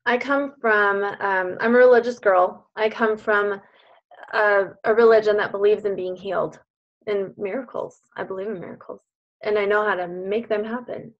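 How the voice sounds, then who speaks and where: A woman's voice: mid-range voice, fairly even intonation, normal speed, muffled recording. A woman coach leading an online group class over a video call, speaking in an earnest, emphatic and encouraging way.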